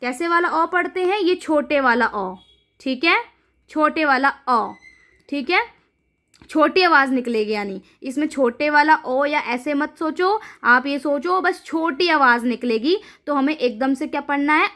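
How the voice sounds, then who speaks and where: A woman with a high voice teaches young children to read, asking each question and then giving the answer herself. She spells words out letter by letter, slow and drawn out, in a patient classroom manner. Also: sharp tone. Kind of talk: children's phonics lesson.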